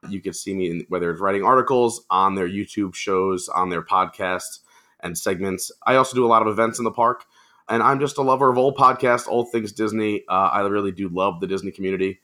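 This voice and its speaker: A man's voice: on the low side, fairly quick, bright, forceful tone. A man talking casually as a guest on a podcast, friendly and chatty with frequent fillers.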